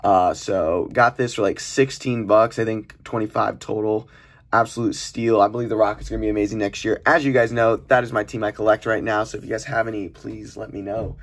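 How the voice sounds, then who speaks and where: Hosting his trading card unboxing channel from a desk in a small indoor room, a young man talks chattily and informally, fairly low-pitched with even intonation and a brisk pace. Clicks and crinkling, crumpling packages make the room noisy.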